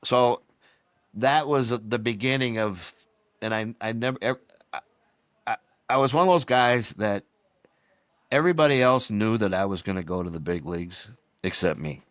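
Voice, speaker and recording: A man's voice: fairly low pitch, moderate pace, pauses often, no room sound. A man in his sixties, a retired baseball umpire, telling long rambling stories as a podcast guest and acting out what others said. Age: 60s. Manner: rambling anecdotal storyteller, acts out quotes. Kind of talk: storytelling in a casual podcast chat.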